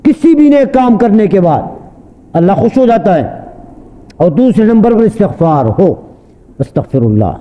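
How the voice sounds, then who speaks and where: High-voiced male preacher in an echoing hall. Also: expressive, dark tone. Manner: earnest, repetitive, rhetorical questions to listeners. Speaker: mufti giving a talk. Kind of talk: sermon. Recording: dull lo-fi sound with long hall reverb.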